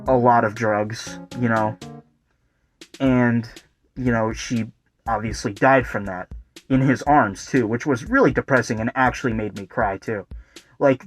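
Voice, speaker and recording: A young man talking casually in a rambling video commentary, full of fillers and swearing. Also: medium pitch. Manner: rambling, lots of fillers and profanity. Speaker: video essay host. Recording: faint guitar music behind.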